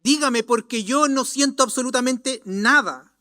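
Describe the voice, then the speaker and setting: A man's voice: very high voice, a little slow, pushed and bright, no echo, studio quality, voice pushed up, heavily acted. A man preaching a sermon voices a mocking young man who taunts a preacher with incredulous questions.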